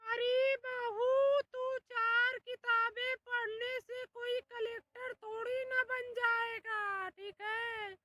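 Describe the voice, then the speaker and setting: Bossy village mother-in-law acted by a woman, high and bright, drags out her calls. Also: flat delivery, a little hiss or hum, heavily acted. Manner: bossy, shouting orders, drawn-out calls.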